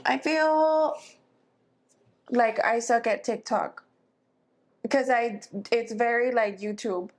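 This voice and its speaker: Easygoing woman in her thirties, slightly high voice. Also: slow pace, pauses often. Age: 30s. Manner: easygoing, agreeable, lots of likes. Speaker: podcast co-host. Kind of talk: casual chat.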